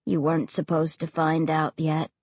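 A woman voicing a sad undead boy who speaks slowly in a low, flat tone. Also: husky, no room sound. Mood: grim, flat.

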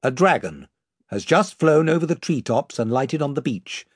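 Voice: mid-range voice, expressive, normal speed, slightly rough, no room sound, clean studio sound. A reader voicing a young king who gives orders firmly and with authority. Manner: firm, authoritative. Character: young king, firm and commanding. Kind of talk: audiobook reading.

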